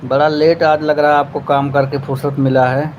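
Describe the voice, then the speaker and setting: A man's voice: on the high side, little pitch movement, normal speed, darkish tone, lo-fi sound, slight background noise. A man with an Awadhi accent hosting a casual live stream, chatting with viewers and thanking them by name.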